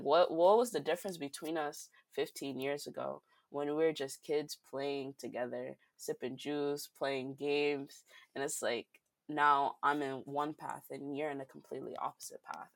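A teenage girl with a low, husky-toned voice talks earnestly as an interview guest. She tells stories from her life and acts out what friends said to her. Her speech is casual and heartfelt. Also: moderate pace, dry recording. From Rhode Island, USA. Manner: earnest, storytelling, quotes friends in lively voices.

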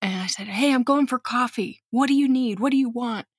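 Her voice is fairly high and brisk with a breathy edge, recorded cleanly in a studio without room sound. This thirties-aged American teacher, appearing as a guest, tells an animated story casually and performs the quoted lines of its characters.

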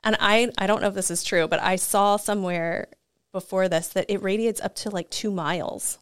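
A woman's voice: medium pitch, fairly even intonation, normal speed, clean tone, dry recording, studio quality. A woman hosting a podcast, asking curious questions and chiming in with short affirmations. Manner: warm listening, curious questions with small affirmations. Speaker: podcast host. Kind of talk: interview conversation.

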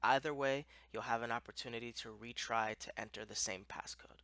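Bright-voiced man giving a software walkthrough. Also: medium pitch, steady tone, fairly quick, no room sound. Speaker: instructor.

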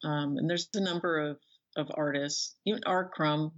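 This middle-aged woman speaks with a low pitch and fairly even intonation as she's interviewed informally about her work as an author and illustrator. The audio is slightly dull and lo-fi, and her conversational talk meanders haltingly, with frequent mid-sentence restarts.

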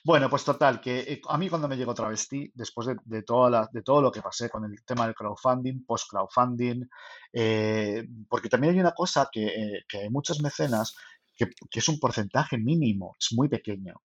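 A man's voice: medium pitch, normal speed. Spanish man co-host, loose rambling chat, slightly dull recording. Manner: rambling, many restarts and fillers. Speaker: podcast co-host, self-published photographer. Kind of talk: casual chat.

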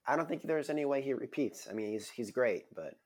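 A man co-hosting a casual sports podcast, speaking in a laid-back, low-key way. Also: animated, fairly quick. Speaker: podcast co-host.

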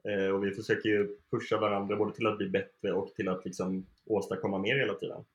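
A relaxed young man from Sweden chats about his band in a loose, unhurried way, dropping fillers and laughing easily. His voice sits fairly low, and the room around him rings with a noticeable echo. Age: young adult. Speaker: band member, guest. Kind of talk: casual interview chat.

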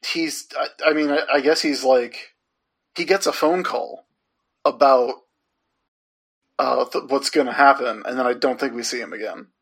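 A man's voice: medium pitch, moderate pace, pauses often, a bit bright, husky. A man with a Southern accent, co-hosting a casual comic book podcast chat, laid-back, laughing often and swearing casually. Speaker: podcast co-host.

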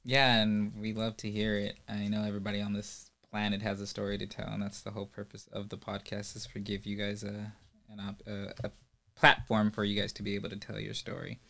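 A man hosting a podcast in a relaxed, chatty way, talking to a guest. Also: on the low side, a little fast, creaky. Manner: relaxed, chatty, laughs easily. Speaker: podcast host. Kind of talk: casual podcast chat.

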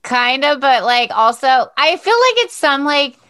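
A woman's voice: high-pitched, sing-song, unhurried, a bit bright. A woman co-hosting a casual podcast chat, guessing playfully and filling her talk with "like". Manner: chatty, lots of "like", playful guessing. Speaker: podcast co-host.

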